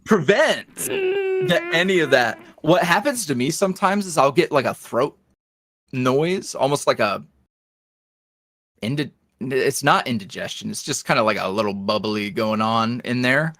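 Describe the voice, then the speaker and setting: A man with a medium-pitched, sing-song, fairly bright voice speaks a little slowly, with no echo. He's a podcast guest who creates online audio roleplay, chatting casually in a folksy, self-deprecating, jokey manner.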